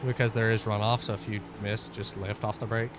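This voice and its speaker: A man's voice: fairly low pitch, little pitch movement, brisk. A man chatting casually while sim racing, bluntly thinking aloud about his driving with the odd mild swear. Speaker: sim racing driver and streamer. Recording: clear engine noise behind voice. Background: car engine noise.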